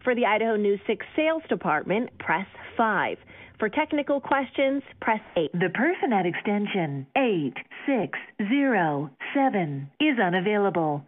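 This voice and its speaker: A woman's recorded answering machine greeting on a TV station's phone line, reading a phone menu in an even, clearly spaced way. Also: mid-range voice, measured pace, no echo. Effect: recorded answering machine greeting over a phone line. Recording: tinny dry phone line.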